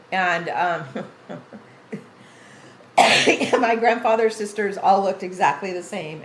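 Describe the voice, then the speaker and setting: A woman's voice: on the low side, a bit bright, echoey room, slight background noise, poor audio. A woman in her sixties hosting a gaming livestream, chatting casually with her viewers and reading chat names aloud, rambling with frequent restarts. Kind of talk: casual chat with live chat readers.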